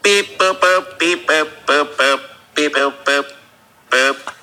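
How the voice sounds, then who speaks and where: A man's voice: a little high, slow, pushed and bright, full character voice. A man making playful mock robot beep-boop sounds, putting on a goofy robot voice. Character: beeping toy robot, playful.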